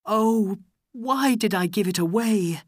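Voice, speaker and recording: A man's voice: sits high, slow pace, no echo, clean studio sound, voice pushed up. A man putting on a frightened young princess. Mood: distressed.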